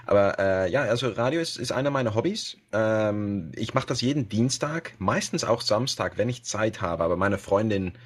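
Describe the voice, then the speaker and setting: A Dutch man speaks German as a second language as a guest on a casual podcast interview, and he also hosts web radio himself. His slightly low, slightly rough voice moves at a moderate pace with hardly any pauses, yet he searches for words, using many fillers and restarts and laughing often.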